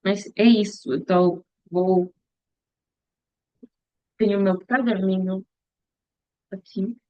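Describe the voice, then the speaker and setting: A young woman muses through a casual vlog in a slow, hesitant voice. She pauses often, hunts for words, and restarts her phrases mid-sentence. The recording is dry and slightly muffled, with no room echo and a dull, lo-fi edge. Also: medium pitch, steady tone. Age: young adult. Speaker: future missionary practicing a language. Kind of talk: casual reflective vlog monologue.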